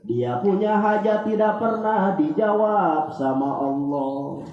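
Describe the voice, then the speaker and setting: A man preaching an Islamic sermon, rising into loud pleading prayers and then dropping low and slow. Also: lively intonation, lo-fi sound. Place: Islamic boarding school hall. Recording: very echoey hall.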